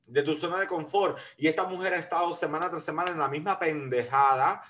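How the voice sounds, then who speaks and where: A man talks in a loose, flamboyant, camp way, mixing crude jokes with playful verdicts. His voice sits a little high for a man. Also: brisk, a bit bright, a little hiss or hum. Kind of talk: casual chat reviewing a competition show.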